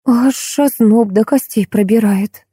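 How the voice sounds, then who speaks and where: A woman reading an audiobook voices a timid, frightened maid who speaks in a hush. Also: a little high, takes it slowly, husky, dry recording, studio quality, pitched above the performer's own voice, full character voice. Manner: hushed, timid.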